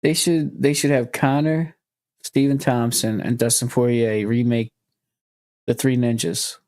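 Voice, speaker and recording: A man's voice: mid-range voice, fairly even intonation, measured pace, darkish tone, no echo. A man talking casually on a podcast, loose and profane, cracking jokes as he goes. His voice sits in a middling range, and it's recorded close and dry, with no room sound around it. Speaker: podcast host. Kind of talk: casual chat.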